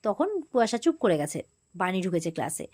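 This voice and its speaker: A woman with a West Bengal accent hosts a TV serial recap channel, retelling an episode in a casual, chatty way and slipping into quoted dialogue as she goes. Her voice sits fairly low with big pitch swings, and she talks a little fast with a slightly mellow quality.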